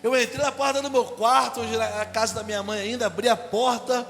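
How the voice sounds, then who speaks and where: A man's voice: very high-pitched, a little fast. A man preaching a testimony sermon, telling his story and acting out the dialogue. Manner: animated storytelling, acts out dialogue. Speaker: guest preacher. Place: church hall. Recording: long hall reverb with faint music.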